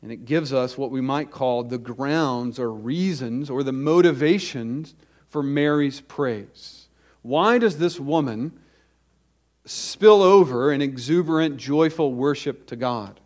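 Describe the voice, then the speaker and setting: A male pastor preaching a sermon at a pulpit microphone, slowing down to stress lists of words. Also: mid-range voice, darkish tone.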